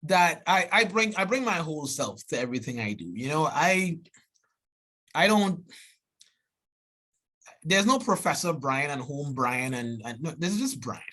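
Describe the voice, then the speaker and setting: This seminar speaker is a biology professor from Trinidad and Tobago in his forties, heavily accented and animated yet sincere. He talks unhurriedly at a fairly high pitch, pausing often, restarting himself, and tacking "right?" onto his points.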